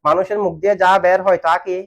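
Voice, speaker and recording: Fast-talking male teacher quizzing his class. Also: sits high, little pitch movement, fairly bright tone. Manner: asks questions and has students answer back. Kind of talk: classroom lesson on Arabic grammar. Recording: dull lo-fi recording.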